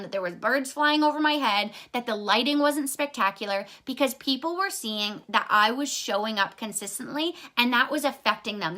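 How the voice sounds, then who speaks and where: A woman's voice: fairly high pitch, sharp tone. A young woman giving an earnest, encouraging motivational talk on a live video, speaking straight to her viewers and a little out of breath. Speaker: online business coach.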